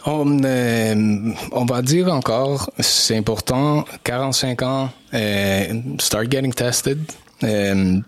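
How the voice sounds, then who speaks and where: A man's voice: mid-range voice, takes it slowly, dry recording. A man from Montreal hosting a radio interview, switching between French and English mid-sentence. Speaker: radio host.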